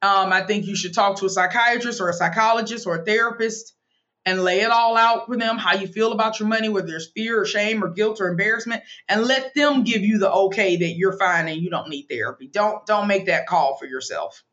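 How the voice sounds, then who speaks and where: On a muffled recording, a woman in her thirties speaks at medium pitch with a fairly bright tone. As a financial planner and money coach giving a candid interview, she offers blunt, brisk advice with emphasis.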